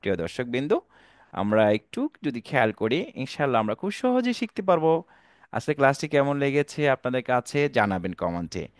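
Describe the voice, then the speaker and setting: A male Quran teacher giving an online alphabet lesson, drawing out each letter slowly and asking viewers to repeat after him. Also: medium pitch, sing-song, no room sound, studio quality. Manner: slow, drawn-out letter recitation for viewers to repeat; patient, repetitive teaching.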